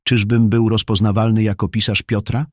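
A man's voice: on the low side, level tone, normal speed, no room sound, studio quality, close to an everyday voice. A man voicing a tired, wary male scribe on the road who speaks in short, guarded lines.

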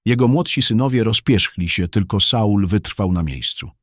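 Brief: male narrator, low voice, dry close sound, steady scripted story reading. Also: moderate pace, dry recording.

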